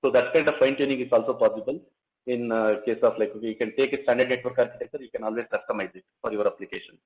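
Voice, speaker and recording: A man with a South Indian accent giving a technical lecture, explaining step by step in a halting way with frequent filler tags. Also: medium pitch, steady tone. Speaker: lecturer, research scientist. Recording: slightly dull, lo-fi lecture audio.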